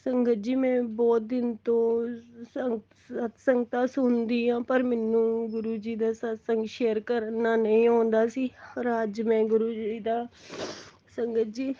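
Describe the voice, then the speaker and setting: Middle-aged woman, high voice, slow heartfelt testimony, dull lo-fi phone sound. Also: dark tone, dry recording. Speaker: devotee sharing a satsang testimony. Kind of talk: emotional personal testimony.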